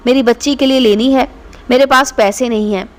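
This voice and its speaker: A poor, gentle mother from a storybook tale, read by a woman narrator. She talks softly and pleads, in a fairly high voice. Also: fairly even intonation, a little fast, close to an everyday voice. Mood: pleading. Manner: soft, pleading.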